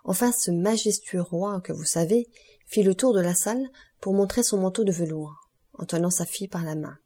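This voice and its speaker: A woman reading a classic novel aloud as an audiobook, in steady scripted narration. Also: fairly low pitch, moderate pace. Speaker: audiobook reader.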